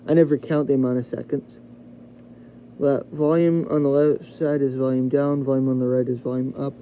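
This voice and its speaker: Indoors at home, a man reviews a radio for his video, speaking informally and chattily straight to his viewers, whom he calls "you guys." His mid-range voice is warm, barely moves in pitch, and runs at a moderate pace, with a faint hiss or hum underneath.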